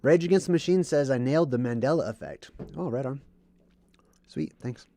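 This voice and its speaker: A man livestreams to his audience, explaining things and reading chat while he's a bit under the weather and congested, often checking in with "okay" or "right." His mid-range voice has a dark tone and moves at a moderate pace.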